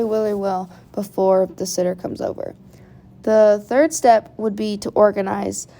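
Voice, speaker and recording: A woman's voice: on the high side, dark tone. A woman with a groggy morning voice giving casual how-to tips as a pet vlogger, chatty and repeating words for emphasis. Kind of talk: casual how-to vlog narration.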